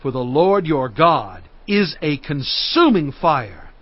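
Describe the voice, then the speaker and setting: An actor playing Moses, a solemn, fervent prophet exhorting his people in grave, measured, emphatic oratory for a dramatized scripture recording. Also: on the high side, big pitch swings, no room sound, lo-fi sound, heavily acted. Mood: solemn warning. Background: cinematic music.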